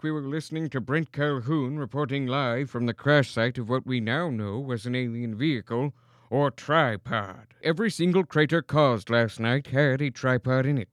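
A man playing a smug, blunt TV news anchor with a snarky deadpan delivery in a comedy news spoof. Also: mid-range voice, dry recording, studio quality, natural voice.

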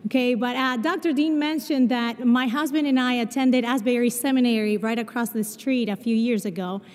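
Woman, high voice, Spanish-Portuguese accent, story-led sermon, long chapel reverb. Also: fairly even intonation, normal speed. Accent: Spanish and Portuguese mix. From Argentina. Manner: warm storytelling with self-deprecating humor. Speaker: chapel speaker. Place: large chapel, live service.

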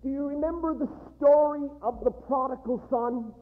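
A man preaching a sermon in a large chapel, emphatic and full of dramatic pauses. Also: very high-pitched, faint music behind. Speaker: guest preacher. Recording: echoey hall, tinny narrow sound.

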